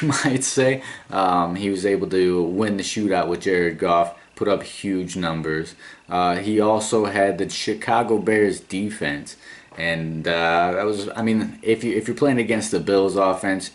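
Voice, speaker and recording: A man hosting a casual recap as commissioner of his fantasy football league, laid-back and rambling, with fillers and small chuckles. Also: lowish voice.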